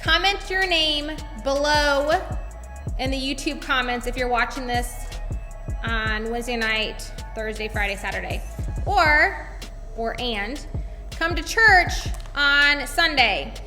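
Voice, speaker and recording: A woman's voice: high-pitched, slow, sharp tone. A woman hosting a children's church segment, casually presenting prizes to viewers in a reverberant space. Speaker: children's church host, toy reviewer. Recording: long hall reverb, faint music.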